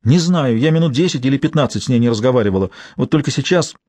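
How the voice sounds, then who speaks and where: A man's voice: medium pitch, expressive, fast, a little mellow, no room sound, close to an everyday voice. A man reading an audiobook, voicing an exhausted, anxious young woman journalist. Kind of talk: audiobook character voice. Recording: dry studio sound.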